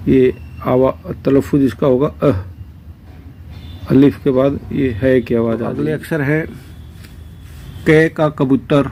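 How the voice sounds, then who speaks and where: A man's voice: medium pitch, dark tone, a little hiss or hum. A man with a Haryanvi accent casually teaching letters step by step, patient, with chatty asides. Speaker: Hindi script teacher. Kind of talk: casual explaining lesson.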